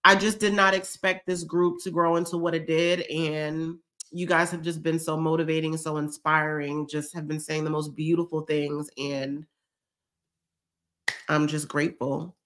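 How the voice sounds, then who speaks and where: A vlogger hosting a live stream, this woman chats casually and emotionally with viewers while reading their comments, and she's teary. Her voice is low-pitched and a bit bright, with a level tone and a slightly slow pace.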